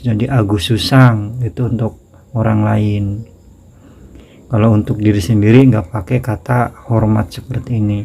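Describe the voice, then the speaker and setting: A man with an Indonesian accent teaching a casual grammar lesson, slowly repeating example sentences. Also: medium pitch, gravelly, dark tone. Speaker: Japanese language teacher.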